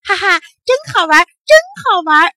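A woman voicing a mischievous little boy who loves to play, gleeful and shrill in a children's storybook. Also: sing-song, brisk, pushed and bright, dry recording, exaggerated voice.

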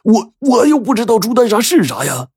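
A man's voice: sits high, very animated, fairly quick, a little mellow, husky, no room sound, clean studio sound, voice pushed up, full character voice. A man voicing an anxious, simple-minded village man who stammers and pleads earnestly in an audiobook. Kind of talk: audiobook character voice.

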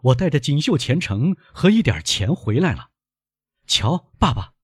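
A man's voice: medium pitch, wildly swooping pitch, moderate pace, a little mellow, husky, no echo, studio quality, pitched above the performer's own voice, heavily acted. Man voicing an eager young sailor son. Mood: joyful. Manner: pleading, emphatic. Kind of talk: audiobook reading.

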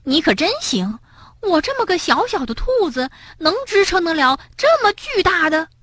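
A woman voicing a small excitable rabbit child in a storybook reading, breathy and quick to scold. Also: dry recording, studio quality, heavily acted. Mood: indignant. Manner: shrill, indignant outbursts.

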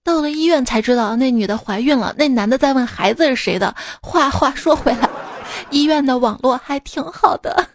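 A woman's voice: sits high, lively intonation, normal speed, a little hiss or hum. A woman hosting a podcast, telling short funny stories in a chatty way and laughing at her own jokes, recorded on a close mic. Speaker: podcast host reading jokes. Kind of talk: casual joke storytelling.

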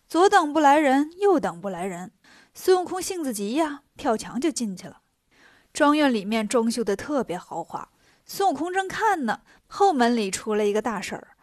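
A woman telling a story in a colloquial, animated way. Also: fairly high pitch, no room sound, clean studio sound. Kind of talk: lively storytelling.

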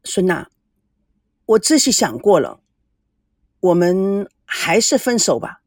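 Awkward young man in the wrong, halting and defensive, lively voice, as a woman storyteller reads him. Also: on the low side, no room sound, clean studio sound, pitched below the performer's own voice, full character voice. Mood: hesitant, defensive. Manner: hesitant, defensive.

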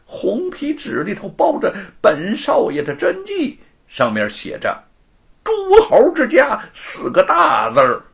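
A man voicing a gloating, sneering young rich lord who taunts and cackles in a high, shrill voice. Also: wildly swooping pitch, slow pace, fairly bright tone, husky, exaggerated voice.

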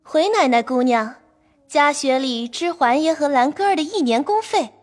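Woman doing a nervous servant lady in an audio drama, high voice, very humble. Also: lively intonation, moderate pace, faint music behind. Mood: deferential. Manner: deferential, apologetic. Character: timid servant woman reporting to her mistress.

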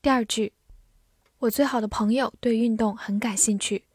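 A woman teacher reviewing vocabulary, saying each word twice in a clear, careful way before giving its meaning. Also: a little high, steady tone, normal speed, darkish tone, dry recording, studio quality.

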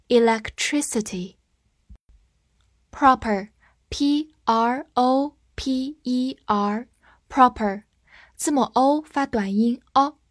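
A woman teaching English vocabulary, spelling words out letter by letter and repeating them slowly. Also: on the high side, no echo, studio quality. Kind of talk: scripted vocabulary lesson.

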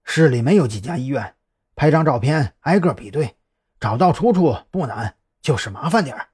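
A man doing a brisk, wary police officer. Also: medium pitch, expressive, darkish tone, slightly rough.

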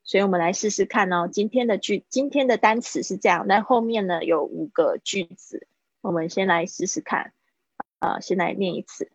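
Woman teaching English vocabulary, husky voice. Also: medium pitch, no echo. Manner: mixes Mandarin with English, drawn-out vocabulary drills. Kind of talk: live-streamed language lesson. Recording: husky, dull lo-fi stream audio.

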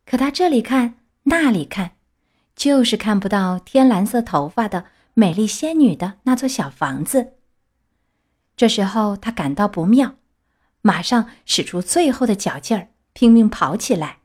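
A woman narrating a children's story in a steady, expressive reading voice. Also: mid-range voice, unhurried, breathy edge. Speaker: audiobook reader. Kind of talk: scripted narration.

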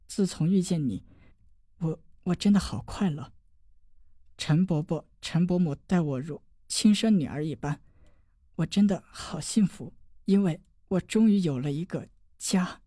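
一位女性在有声书中演绎一个温柔痴情、奄奄一息的年轻女子，说话轻柔断续，带着哭腔。. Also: female voice, lowish voice, no room sound, studio quality. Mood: tender. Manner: soft, halting, tearful. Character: dying gentle young woman, tender and devoted. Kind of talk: audiobook drama reading.

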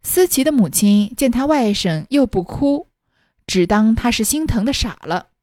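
A woman tells a classic story in a fairly high voice that rises and falls a lot. Her delivery is expressive, and she shifts into a separate voice for each character. The sound is close and dry. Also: normal speed, dry recording. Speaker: audiobook reader. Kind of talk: storytelling reading of a classic novel.

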